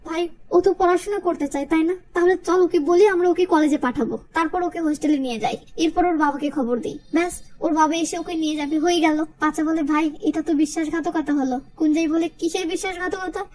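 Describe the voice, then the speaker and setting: A woman narrating a film recap, reading out every character in brisk storytelling. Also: very high-pitched. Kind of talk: fast movie recap narration. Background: background music.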